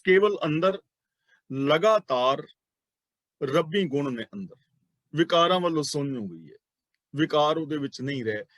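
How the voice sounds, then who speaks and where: A man teaching a religious class, explaining sacred terms slowly and speaking directly to his listeners, often repeating key words. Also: on the high side, expressive, fairly bright tone, no room sound. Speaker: Sikh scripture teacher.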